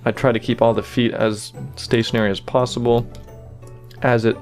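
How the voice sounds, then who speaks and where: A man giving casual behind-the-scenes commentary on his own animation, relaxed and full of fillers like "you know" and "kinda". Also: medium pitch, normal speed, faint music behind.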